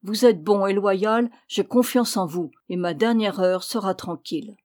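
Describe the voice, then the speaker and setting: A woman reading the lines of a stern old male nobleman in an audiobook, slow and solemn. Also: medium pitch, a little mellow, lightly acted.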